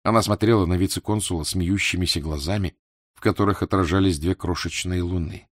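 Male audiobook narrator, measured and expressive, low pitch, husky tone. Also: dry recording, studio quality. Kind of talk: scripted literary narration.

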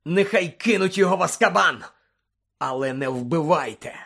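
A man's voice: a little high, lively intonation, moderate pace, gravelly, fairly bright tone, voice pushed up, heavily acted. A man reading an audiobook, voicing a determined teenage boy wizard who speaks firmly and out of breath. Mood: urgent. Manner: breathless, firm.

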